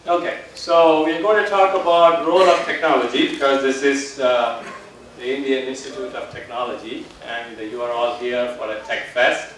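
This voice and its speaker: A man giving a relaxed public lecture, his talk studded with "uh" fillers. He is heard from a distance in a large hall, with heavy echo and a faint hum of room noise behind him. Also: mid-range voice, moderate pace. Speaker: guest lecturer. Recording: echoey hall, voice from far off.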